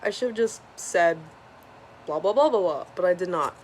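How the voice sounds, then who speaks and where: A woman in her twenties telling a story casually at home, animated and swearing freely. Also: on the low side, moderate pace. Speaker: vlogger. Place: hot room at home with a fan on. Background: faint fan hum.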